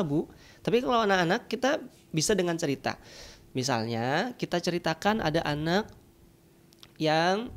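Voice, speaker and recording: A man who is a children's storyteller, explaining in a podcast conversation. He talks animatedly and uses sound effects. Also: a little high.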